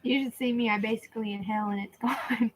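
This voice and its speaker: A woman's voice: a little high, steady tone, fast, low-quality recording. A woman co-hosting a casual livestream, teasing her partner with dry quips while eating. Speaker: co-host.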